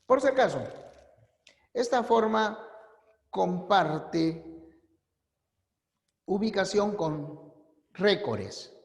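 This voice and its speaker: A man teaching a language class, explaining rules slowly and emphatically and repeating the key points. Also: high-pitched, lively intonation, gravelly. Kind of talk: recorded class lecture. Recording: echoey room with long reverb.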